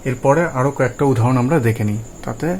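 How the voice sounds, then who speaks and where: A man teaching English pronunciation and word meanings, patiently repeating words for practice in a slow drill. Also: mid-range voice, steady tone, a little mellow, a little hiss or hum, poor audio. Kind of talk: Bengali-language lesson, spoken explanation.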